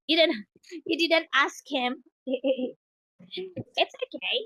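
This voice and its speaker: High, slow, patient woman tutor. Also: steady tone, sharp tone. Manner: slow, patient, explains step by step. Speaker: English tutor. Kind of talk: online one-on-one English lesson.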